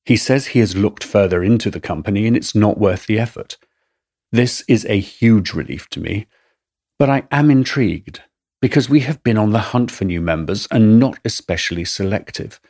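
A middle-aged man giving a measured, wry narration of his diary entries for a podcast. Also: lowish voice, dry recording. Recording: dry studio voice-over, soft music.

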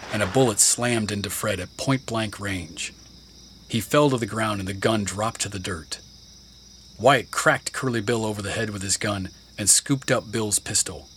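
A man narrating a history podcast in a measured, scripted storytelling delivery. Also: lowish voice, fairly bright tone, a little hiss or hum. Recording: music bed under narration. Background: music and crickets.

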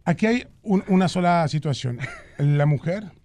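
Joking actor in studio chat. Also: male voice, a little high, expressive, normal speed, a little mellow, faint music behind. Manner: joking, playacts a reporter voice, then earnest. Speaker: guest actor.

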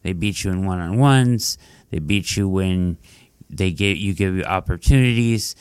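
In a dry, clean recording, a deep-voiced man unhurriedly hosts a casual sports podcast. He's losing his voice and his throat is dry, yet he talks through his analysis conversationally, leaning on "like" and "right?" a lot.

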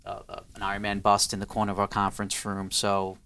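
Bright-voiced man. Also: fairly low pitch, completely flat delivery, fast, clean tone. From Queens, New York. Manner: acts out quoted exchanges, peppers talk with 'you know'. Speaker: interview guest, design studio co-founder. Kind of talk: casual interview storytelling.

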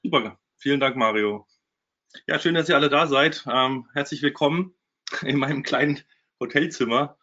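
A man's voice: mid-range voice, moderate pace, sharp tone. A man speaking as a guest presenter, giving a casual webinar from a small hotel room. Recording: dull, lo-fi webinar stream.

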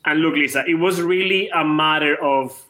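Tennis club co-owner, male, late 30s, from Venezuela, ringing upper voice, quick with restarts. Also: a little high, bright, forceful tone. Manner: quick, repeats words at starts. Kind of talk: casual interview.

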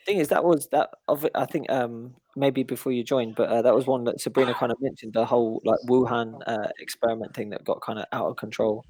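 A man's voice: mid-range voice, fairly even intonation, brisk, few pauses, darkish tone, no room sound, poor audio. A man hosting a podcast in loose, joking chat, full of fillers. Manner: joking, chatty, with many fillers. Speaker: podcast host. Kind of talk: casual chat.

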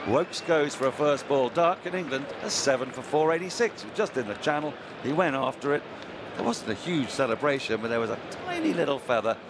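A man giving live cricket commentary as a commentator, describing each ball and building to excited exclamations. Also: medium pitch, fairly quick, few pauses. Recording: outdoor ground with loud crowd noise. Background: loud cricket crowd.

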